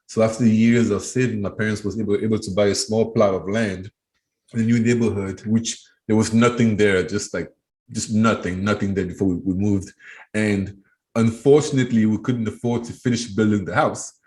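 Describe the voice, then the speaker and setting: With a fairly low, slightly mellow voice and a steady tone, a Cameroonian man in his thirties speaks at normal speed during an interview. He's a guest and education trainer who answers thoughtfully, often going back and repeating words as he thinks.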